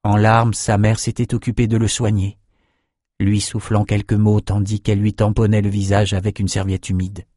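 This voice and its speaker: A man reading an audiobook in steady, measured scripted narration. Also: lowish voice, dry recording, studio quality.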